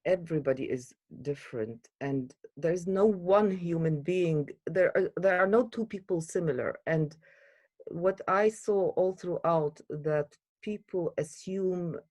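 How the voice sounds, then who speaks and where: A woman from Iraq, a guest in an interview, speaking earnestly and hesitantly with many pauses and fillers. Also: lowish voice, a little mellow, no echo.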